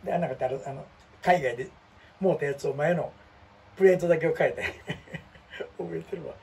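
A man's voice: a little high, fairly quick, vocal fry, recorded from a distance, slight background noise. A man with a Kansai accent chatting casually and animatedly, poking fun at himself as he talks through his things. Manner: chatty, animated, self-mocking. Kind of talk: casual chat.

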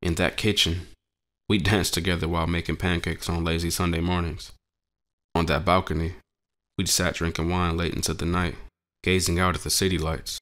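Very deep-voiced man narrating a story. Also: flat delivery, moderate pace, fairly bright tone. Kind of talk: first-person story narration.

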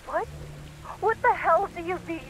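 A woman's voice: very high voice, moderate pace, a bit bright, faint music behind, rough recording. An actress playing a frightened young woman who pleads with her brother to come home, in a video game. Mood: pleading. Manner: pleading, desperate, turns bitter.

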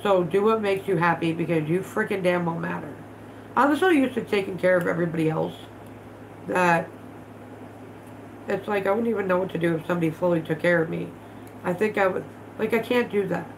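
A thirties-aged woman hosts a relaxed livestream from her living room, congested with allergies, talking bluntly and cursing freely as she works with her hands. Her voice sits fairly low and moves along fairly quickly. The low-quality recording carries a slight hiss or hum.

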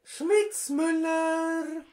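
A man's voice: very high voice, fairly even intonation, extremely slow, darkish tone, pitched above the performer's own voice, heavily acted. A man voicing a pushy, mock-official woman party envoy on a prank phone call, insistent and evasive. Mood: brisk, feigned surprise. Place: small room at home, indoors.

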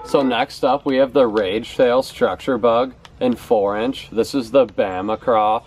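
Over loud music, a young man's mid-range voice comes through a little slowly. He's a fishing vlogger sitting on the back porch steps of a house outside, casually showing his favorite baits to the camera and repeating words for emphasis.

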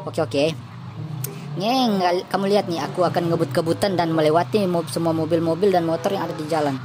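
A woman voicing a reckless, carefree little cartoon boy in a lower, offhand voice. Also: brisk, close to an everyday voice. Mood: breezy. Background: game music.

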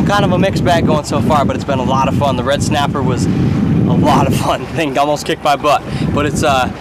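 A man's voice: on the high side, brisk, very noisy. A man on a fishing trip, chatting casually and easily with some hesitant fillers. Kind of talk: casual chat.

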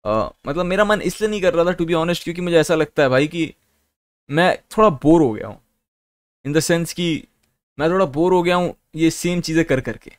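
A man's voice: on the high side, moderate pace, no echo. A young man from Kolkata chatting casually on a live stream, joking around, swearing freely and slipping English phrases into his talk. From Kolkata, India. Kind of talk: casual livestream chat. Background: faint background music.

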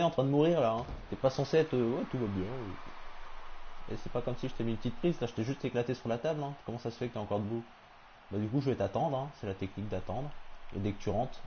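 A man giving casual live commentary on a wrestling game, talking excitedly to the opponent on screen. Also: on the low side, a little hiss or hum. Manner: excitable, talks to the opponent, frequent exclamations. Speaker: gamer streaming a wrestling game. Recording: slightly dull lo-fi stream audio with faint game sound.

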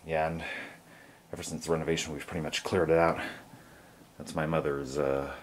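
Young guy with a really deep voice, rambling thru his house on a handheld cam, noisy. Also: level tone, normal speed. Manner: rambling, loose, lots of fillers. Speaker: vlogger. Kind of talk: casual home tour. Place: carpeted family house indoors. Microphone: handheld camera mic. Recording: noisy handheld camera audio.

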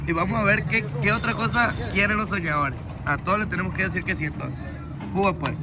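A man's voice: high-pitched, quick pace, background noise. A young man with a Sinaloan Mexican accent chatting casually as a vlog host, using heavy street slang and egging on his companions. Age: young adult. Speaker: vlogger hosting a day out with boys. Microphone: handheld phone. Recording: busy street and shop background chatter.

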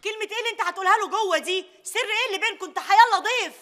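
A sharp-tongued woman who scolds the household in a sitcom. Her voice is high and bright, and she delivers her lines quickly. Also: faint music behind. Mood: suspicious. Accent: Egyptian. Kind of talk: sitcom acting.

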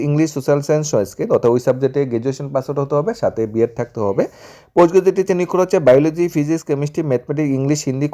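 Fast-talking man. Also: mid-range voice, warm tone. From Tripura, India. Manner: reads listings quickly with restarts and English terms mixed in. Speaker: job news presenter. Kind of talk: casual job-news rundown.

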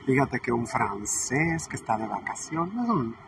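A brash, gossipy woman, put on by a man with a Mexican accent rambles through a comedic monologue. She chats on, swears freely and drops her sentences halfway. The voice sits at an ordinary pitch and comes from a mic set well back, with clear background noise in the room. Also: sing-song, unhurried. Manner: rambling, chatty, swears, trails off mid-sentence. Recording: distant mic with noisy ambience.

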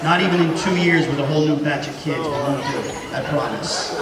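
Male assembly host, wry joking patter to a crowd, loud crowd noise, heavy gym echo. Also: a little high, a little fast. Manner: wry, self-deprecating. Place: large indoor school gymnasium. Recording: very echoey gymnasium, distant mic, loud crowd noise.

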